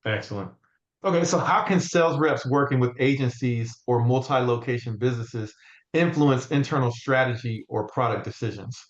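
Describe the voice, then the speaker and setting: A man's voice: medium pitch, moderate pace. A man moderating a webinar, keeping remarks brief and affirming. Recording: roomy, dull call audio.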